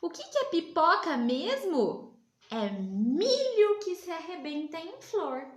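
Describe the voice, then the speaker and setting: Woman teacher from Brazil, high voice, slow and patient with little kids. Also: sing-song, roomy sound. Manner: slow, patient, drawn-out words for small children. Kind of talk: remote lesson for young children.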